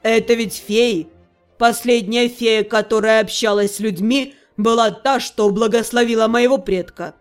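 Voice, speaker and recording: A woman voicing a calm, genial older king with a measured, gently patronizing manner. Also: a little high, soft background music, pitched below the performer's own voice, close to an everyday voice.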